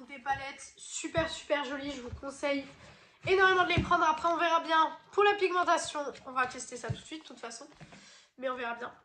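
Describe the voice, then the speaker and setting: A woman's voice: sits high, fairly bright tone, slight background noise. A woman vlogger who is ill, chatting casually through a makeup review with many hesitant fillers. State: ill, voice not as usual. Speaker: beauty vlogger.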